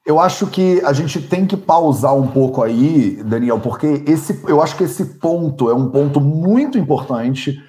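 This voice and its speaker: Um homem apresentador e médico ayurvédico com sotaque brasileiro, conversando de forma animada numa entrevista e pensando em voz alta. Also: male voice, on the high side, measured pace, hardly any pauses. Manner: animated, thinks aloud with many "né?". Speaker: podcast host, Ayurvedic doctor. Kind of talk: conversational interview.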